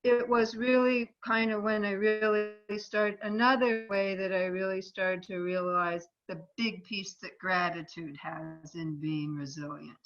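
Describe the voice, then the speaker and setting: A woman tells a personal story as a guest in an interview, her tone bright and clear. She gets animated, pushing her voice up sharply for the moments she acts out. The call audio is a touch dull and lo-fi. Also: mid-range voice, measured pace, hardly any pauses. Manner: animated storyteller, voice jumps up for quoted outrage. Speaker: guest, co-author.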